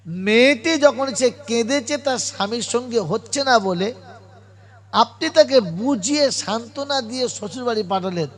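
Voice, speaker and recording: A man, an Islamic preacher telling a story in a sermon, loud and scolding, firing rhetorical questions at the crowd. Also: extremely high pitch. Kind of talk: storytelling sermon at a religious gathering.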